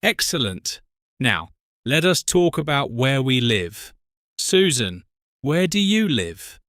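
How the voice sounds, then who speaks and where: A British man in his forties co-hosting an English lesson podcast, speaking slowly and clearly for learners. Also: medium pitch, sing-song, a bit bright, dry recording, clean studio sound. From Britain. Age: 40s. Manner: slow, careful, spells out words. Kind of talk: slow scripted teaching talk.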